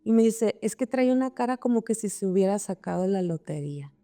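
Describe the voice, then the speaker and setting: Woman guest telling her life story, mellow warm voice, emotional, repeats herself a lot. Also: medium pitch, animated, brisk. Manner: emotional, repeats words when recalling. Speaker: interview guest. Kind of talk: personal life story in conversation.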